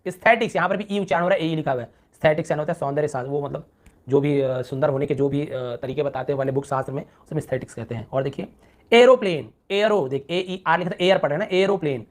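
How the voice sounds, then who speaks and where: Fast-talking man teaching pronunciation. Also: a little high. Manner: repeats example words slowly and stretched; asks the viewer rhetorical checks. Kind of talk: Hindi-language pronunciation lesson.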